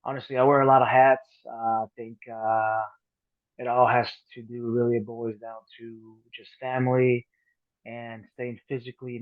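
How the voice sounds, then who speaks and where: A man in his thirties from Colombia, a podcast guest talking earnestly, often trailing off softly. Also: medium pitch, no echo. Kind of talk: casual interview chat. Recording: dry, phone-like call audio.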